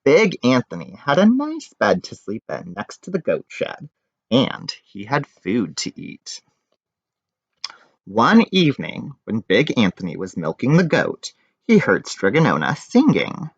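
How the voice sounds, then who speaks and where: In a muffled, echoey room, a man with a husky, mid-range voice reads a children's picture book aloud at an unhurried pace. He tells the story expressively and drops in casual asides.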